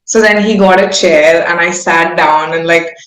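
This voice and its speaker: Being interviewed, a singer-songwriter with an Indian accent chats candidly and rambles in an informal, self-aware manner. Her voice is fairly low and a bit bright, with fairly even intonation and a measured pace, heard in a roomy echo.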